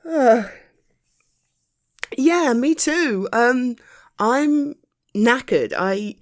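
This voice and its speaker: A British woman plays a caring, tired girlfriend back from the office in an intimate ASMR roleplay. Her animated, higher-pitched voice goes very slowly, soothing, chatty and hesitant, with a weary mood.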